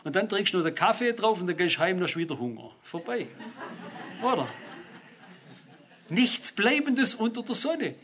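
An older man preaches a sermon, speaking directly to the congregation and building up to emphatic exclamations. His voice sits high and fairly bright, very animated, at a moderate pace with frequent pauses.

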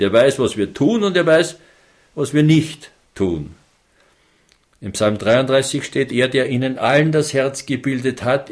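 Male preacher, sermon, slow emphatic delivery, stressed words, mid-pitched voice.

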